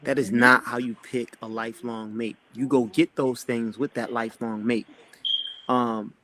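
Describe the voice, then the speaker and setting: Guy on a panel talk, mid voice, lists stuff out slow. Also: mid-range voice, steady tone, bright, forceful tone, a little hiss or hum, rough recording. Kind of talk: casual talk show discussion.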